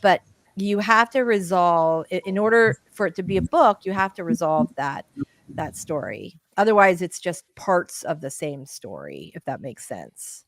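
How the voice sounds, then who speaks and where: A woman's voice: fairly low pitch, sing-song, moderate pace, dry recording. A woman co-hosting a casual live-stream chat, reading viewer comments aloud and talking with many restarts. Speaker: livestream co-host.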